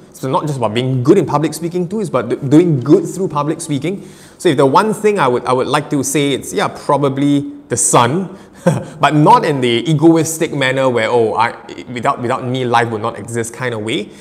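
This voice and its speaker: A man, an energetic, emphatic public speaking coach answering live questions and laughing often. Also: medium pitch, long reverb tail. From Singapore. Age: 30s.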